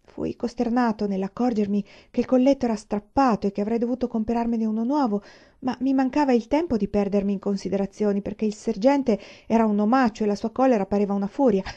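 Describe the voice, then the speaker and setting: Mellow woman reading a novel aloud. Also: fairly high pitch, fast talker, dull audio. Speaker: audiobook reader.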